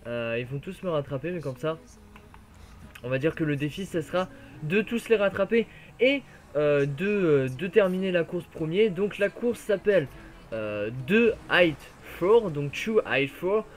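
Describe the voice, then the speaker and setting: A man giving jokey, excitable play-by-play of a racing game, his voice worn from being ill. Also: a little high, moderate pace. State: voice worn from illness. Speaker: gaming YouTuber.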